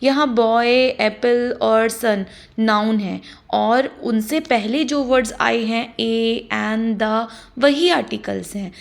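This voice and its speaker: A woman with an Indian accent teaching an English grammar lesson, deliberately spelling out each example sentence. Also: a little high, creaky. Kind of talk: scripted explainer lesson.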